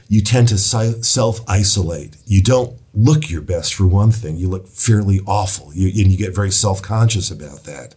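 A man with a deep, husky voice speaks as an author guest in a casual interview. He tells his story in a reflective, measured way, and his voice sits low and slightly rough. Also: dark tone.

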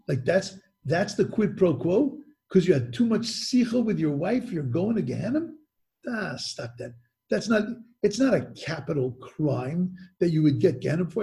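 Man, Torah teacher, slightly high voice, gravelly, rhetorical questions, many restarts. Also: dark tone. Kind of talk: spoken Mishnah lesson.

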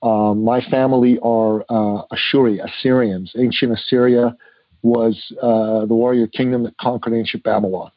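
A man's voice: medium pitch, flat delivery, moderate pace, no echo, highs cut off. A man in his fifties, born in Iran, telling his life story earnestly as a guest author in a podcast interview, with frequent "uh" fillers. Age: 50s.

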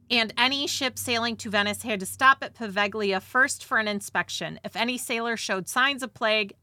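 A woman's voice: mid-range voice, sharp tone, dry recording. A woman hosting and narrating from a script with casual, conversational asides and a dramatizing touch. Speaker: host.

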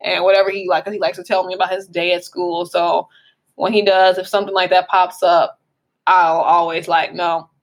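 Woman, lowish voice, co-host, earnest casual chat, fillers. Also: level tone, normal speed. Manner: earnest, thoughtful, many fillers.

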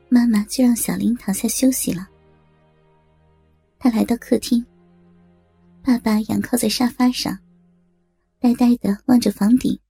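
A woman telling a serialized story in a steady, dramatic way. Her voice sits a little high, with a husky, gravelly texture. Faint music runs underneath.

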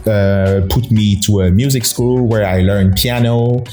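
A man's voice: lowish voice, steady tone, a little slow, warm tone, faint music behind. A man with a Togolese accent, a guest telling his story in a casual interview, often repeating words for emphasis. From Togo. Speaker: podcast guest, DJ and dance teacher.

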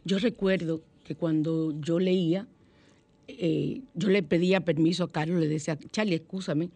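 A middle-aged woman hosting a motivational radio talk, telling stories warmly and acting out the voices she quotes. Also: on the low side, normal speed, no echo. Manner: warm, animated storytelling with acted-out quotes. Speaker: radio show host.

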